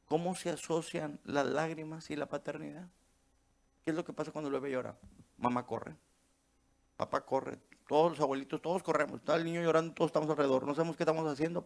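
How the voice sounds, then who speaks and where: A man's voice: fairly high pitch, gravelly. A man preaching a sermon as pastor, tossing out rhetorical questions and checking in with the congregation as he goes.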